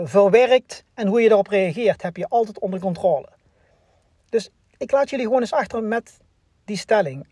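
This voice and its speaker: A man's voice: sits high, darkish tone, no room sound, clean studio sound. A man hosting a personal development podcast, talking earnestly with many restarts and fillers. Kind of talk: motivational podcast monologue.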